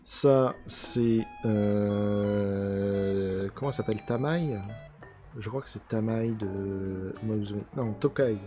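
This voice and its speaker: A man's voice: on the low side, takes it slowly, warm tone, soft background music. A man hosting a card unboxing in casual commentary, chatty and grumbling with a mock-angry edge.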